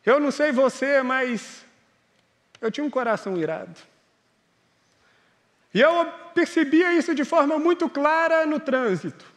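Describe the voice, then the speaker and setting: A high-pitched male pastor, preaching in a loose, conversational way. He mocks himself and acts out both sides of his stories. His voice rings through a large church hall with a long reverb tail. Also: measured pace, pauses often, fairly bright tone. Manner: conversational, self-mocking, acts out dialogue. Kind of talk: sermon with personal storytelling.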